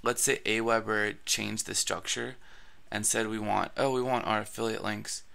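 The man leading a screen-capture tutorial on blogging has an allergy-roughened, raspy voice and speaks casually, often restarting and using fillers. It's a lowish, level voice at a moderate pace with a sharp edge.

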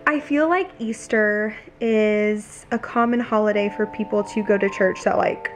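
A lifestyle vlogger in her twenties chats casually to the camera at home, moving between her kitchen and living room couch. She is earnest and fills her talk with "like" and "you know," speaking a little slowly in a mid-range voice over soft background music.

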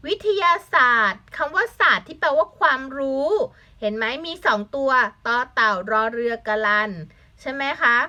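A woman's voice: sits high, animated, normal speed, bright, forceful tone. A young woman teaching a language lesson to children, patiently spelling words letter by letter, asking the class questions and adding English glosses.

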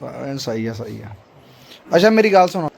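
A man's voice: very animated, normal speed, gravelly, a little hiss or hum. A man hosting a prank video, teasing and coaxing his friend in comic banter. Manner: teasing, wheedling, switches between loud coaxing and low confiding tones.

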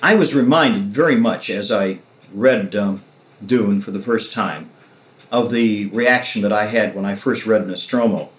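A man's voice: fairly low pitch, a little slow, roomy sound. A man interviewing an author, musing at length about novels, heard on an old 1969 tape recording. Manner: reflective, long winding literary remarks. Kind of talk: conversational discussion.

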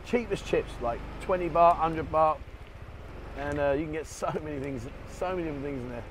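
Riding his motorbike through town in the rain, a male vlogger keeps up a casual running commentary in a fairly high voice at a slightly quick pace, wandering off topic and cursing occasionally. The handheld action camera captures traffic and street sounds in the background.

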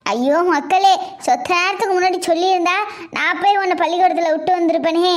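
A wily old grandmother, put on by a woman in a comedy skit, speaking in a very high, thin voice. She mutters darkly about her daughter-in-law and fusses over her grandchild. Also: fast. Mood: fretful. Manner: muttering suspicious asides, fussy and doting with the child. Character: scheming old mother-in-law, doting grandmother.

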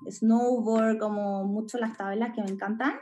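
A woman's voice: on the high side, steady tone, measured pace, a little mellow, a little hiss or hum. A young woman with a Chilean accent, chatting casually as an interview guest, full of fillers. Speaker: guest, esports photographer.

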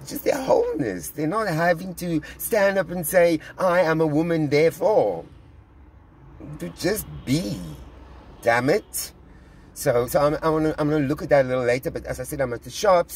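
Casual commentary on church news comes from a South African vlogger in a parked car, captured by a phone camera at arm's length. He speaks in a mid-range voice, earnestly but haltingly, with many restarts and repeated words, and faint hiss or hum.

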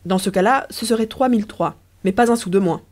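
A woman voicing a stubborn, proud male concierge who talks in an insistent, self-satisfied way in a storybook reading. Her tone is mellow and warm. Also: medium pitch, brisk, natural voice. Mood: matter-of-fact.

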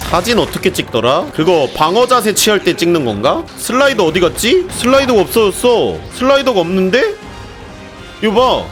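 A man streaming a video game in casual commentary, excitable and often swearing and yelling in frustration. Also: high-pitched, moderate pace. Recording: game music loud behind the voice. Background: game music.

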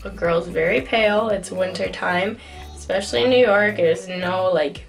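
A young woman with a hoarse, sick-sounding voice, chatting loosely and jokingly as she walks through a makeup tutorial at home. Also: fairly low pitch, moderate pace, faint music behind. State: hoarse from a cold. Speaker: beauty vlogger. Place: indoors at home in winter.

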